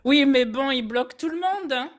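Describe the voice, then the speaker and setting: A woman's voice: high-pitched, normal speed. A woman calling into a live stream, asking playful questions with giggles.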